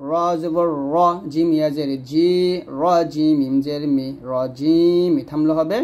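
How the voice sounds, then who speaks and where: Man teaching recitation, slightly high voice. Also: steady tone, lo-fi sound. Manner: explains pronunciation step by step, drawing out recited words slowly. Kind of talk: instructional lesson with recitation.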